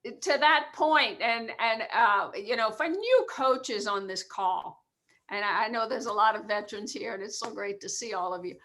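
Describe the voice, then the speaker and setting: A veteran woman coach speaking on a group video call, halting and repeating herself as she speaks from the heart. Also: medium pitch, expressive, a bit bright. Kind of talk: casual sharing on a video call.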